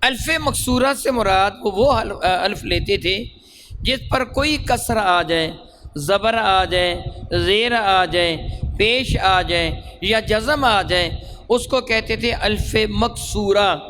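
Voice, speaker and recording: Male Quran teacher, high voice, slow drawn-out demonstrations, faint hiss behind. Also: bright, forceful tone, poor audio. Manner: slow drawn-out demonstration of sounds, quizzing listeners. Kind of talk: classroom lesson on Quran reading.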